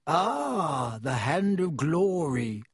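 A man voicing an oily, obsequious male shopkeeper of dark objects, with a slightly husky tone. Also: fairly high pitch, very animated, drawn-out words, dry recording, studio quality, heavily acted. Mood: fawning.

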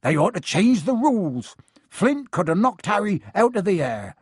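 A man voicing a big, warm-hearted rustic gamekeeper with a gruff, mumbling manner in a storybook. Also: high-pitched, sing-song, moderate pace, no room sound, studio quality, pitched above the performer's own voice, exaggerated voice. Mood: concerned.

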